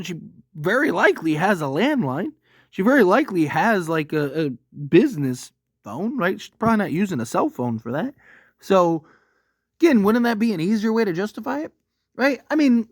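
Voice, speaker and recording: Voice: medium pitch, no echo, clean studio sound. A film fan giving casual opinion commentary in a rambling, emphatic, conversational way, often checking for agreement with short tag questions.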